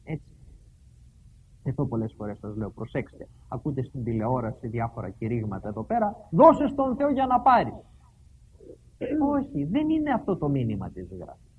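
Preacher, emphatic sermon style, very lively pitch; tinny, narrow-band recording. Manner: emphatic, rises in pitch when quoting scripture; asks questions of the congregation. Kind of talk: sermon with psalm readings. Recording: phone-like thin sound with faint noise.

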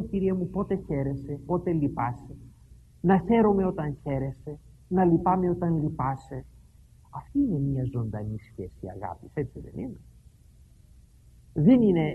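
Preacher, emphatic sermon style, very lively pitch; tinny, narrow-band recording. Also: breathy edge. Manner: emphatic, rises in pitch when quoting scripture; asks questions of the congregation. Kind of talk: sermon with psalm readings. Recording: phone-like thin sound with faint noise.

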